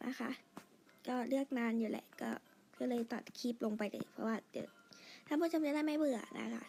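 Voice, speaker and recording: A woman chatting quietly through her game, pleading for lucky draws and gushing over outfits. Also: fairly high pitch, fairly quick, vocal fry. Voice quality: quiet, soft-spoken. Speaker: gamer narrating her play. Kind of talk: casual game commentary.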